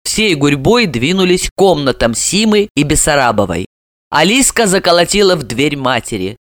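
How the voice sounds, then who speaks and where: A man narrating an audiobook with an expressive, wide-ranging delivery. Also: on the high side, moderate pace, no echo. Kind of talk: scripted narration.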